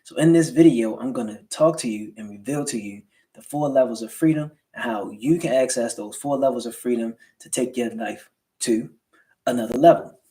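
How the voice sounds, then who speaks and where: An American man talks to his livestream audience in a casual, motivational way. His words are slightly slurred from a swollen lip. He keeps it colloquial, dropping in quick check-in questions as he goes. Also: medium pitch, mellow, low-quality recording. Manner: colloquial motivational delivery with rhetorical check-ins. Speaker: livestream host, entrepreneur. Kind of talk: casual livestream talk to viewers.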